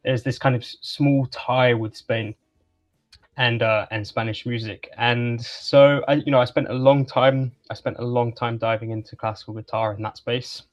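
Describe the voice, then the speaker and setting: A man's voice: mid-range voice, level tone, moderate pace. A young man from England, a guest on a call-in interview, talking casually with many fillers and restarts. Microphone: video call.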